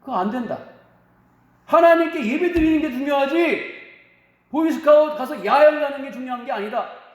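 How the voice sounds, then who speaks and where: A man preaching voices a strict, devout parent flatly forbidding a child's trip, in a stern, scolding tone, heard in an echoey room. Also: sits high, brisk.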